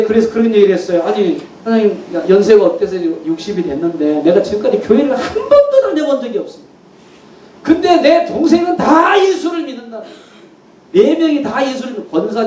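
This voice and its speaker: A middle-aged male pastor telling stories from the pulpit in a chuckling, animated way. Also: high voice. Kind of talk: storytelling sermon. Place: church hall at a mission conference. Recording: echoey hall, mic far off, faint hiss.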